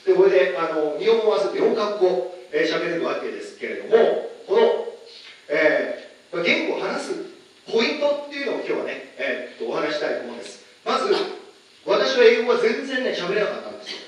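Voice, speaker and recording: Animated man lecturing in an echoey room. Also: high-pitched, fairly quick. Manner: animated, asks the audience questions, many fillers. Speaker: English teacher giving a lecture. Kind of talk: lively lecture to an audience. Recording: echoey room, far from the mic, faint noise.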